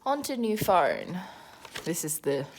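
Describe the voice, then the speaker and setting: A woman's voice: on the low side, huge pitch swings, slow pace, a little hiss or hum. An Australian woman in her thirties chatting casually in a budgeting vlog, counting cash aloud with self-deprecating humour. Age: 30s. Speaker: budgeting vlogger.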